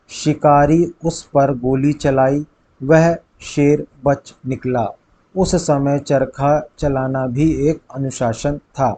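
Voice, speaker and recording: An exam tutor with a north Indian Hindi accent and a warm, mid-range voice reads multiple-choice grammar questions aloud, goes through the options, and then names the correct answer. The recording quality is low.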